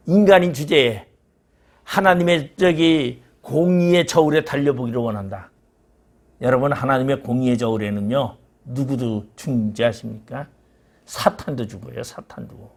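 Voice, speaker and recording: A man's voice: medium pitch, normal speed. A man preaching a sermon as pastor, acting out quoted voices of God and Job. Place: church sanctuary.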